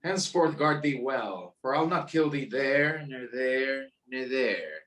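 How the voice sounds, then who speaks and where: A noble warrior prince, played by a man, defiant and formal. He declaims in Shakespearean stage manner in a voice of average male pitch. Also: lively intonation, slow pace, fairly bright tone. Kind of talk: theatrical Shakespearean stage acting.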